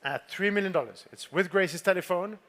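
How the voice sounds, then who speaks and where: Male fine art auctioneer, high register, formal and composed, repeating bids and courteously nudging bidders during a live sale. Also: fairly quick, fairly bright tone. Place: auction saleroom with bidders present.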